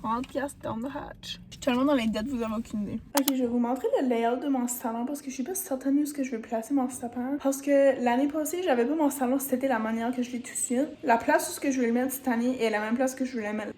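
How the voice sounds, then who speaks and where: A young woman with a Quebec French accent, hoarse from a sore throat, chatting and rambling in a casual vlog with lots of fillers. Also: high voice, steady tone, fast, few pauses, dark tone, a little hiss or hum. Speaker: vlogger.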